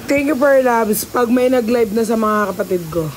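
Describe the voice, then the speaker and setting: High-voiced playful livestream host man. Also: normal speed, slight background noise. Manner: playful, teasing goodbyes. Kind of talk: casual livestream sign-off.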